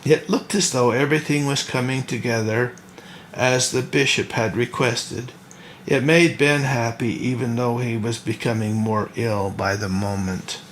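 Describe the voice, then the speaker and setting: A man reads his own novel aloud at an easy, gentle pace, his voice sitting in an ordinary middle pitch. Faint background hiss lies under the reading. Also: steady tone, measured pace. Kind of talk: storybook narration.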